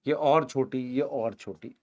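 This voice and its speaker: A man's voice: medium pitch, measured pace. A man teaching a biology lesson for exam preparation, asking the class questions and answering them himself while drawing on a board. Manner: explains while drawing on a board, points with "idhar dekho". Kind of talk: online exam-prep lecture, Hindi mixed with English terms.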